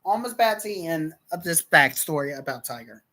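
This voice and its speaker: A woman's voice: deep voice, animated, fairly quick, sharp tone, poor audio. A woman hosting a livestream, telling a rambling story with lots of repetition and cursing. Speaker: livestream host.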